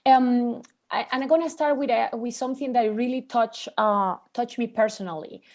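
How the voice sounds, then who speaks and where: A woman's voice: a little high, normal speed, darkish tone. A woman from Venezuela hosting an online panel conversation, talking with many hesitant restarts. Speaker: host.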